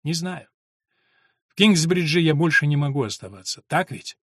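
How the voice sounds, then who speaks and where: A man's voice: on the high side, lively intonation, moderate pace, breathy edge, dry recording, clean studio sound. A man voicing Jack, an angry young mason. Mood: glum. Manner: bursting, accusing outbursts. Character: Jack, hot-tempered young male stonemason apprentice.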